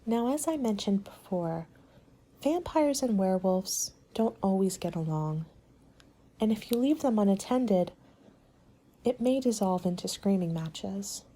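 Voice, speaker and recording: This is a soft-spoken ASMR roleplay in which a woman of medium pitch plays a helpful party planner. She speaks gently and in a measured way, often easing into a whisper.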